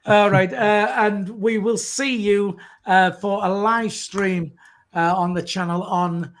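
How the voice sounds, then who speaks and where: Halting man hosting. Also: high voice, steady tone. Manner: halting, many "uh" fillers. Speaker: host. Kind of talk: casual live-stream chat.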